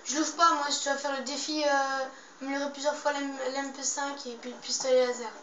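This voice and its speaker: A high-pitched woman gives casual play-by-play while gaming, muttering and swearing lightly. She sounds some way from the microphone in an echoey room. Her phrasing is slangy and informal. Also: little pitch movement, brisk. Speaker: gamer playing a zombie game. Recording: roomy, distant mic, loud background noise.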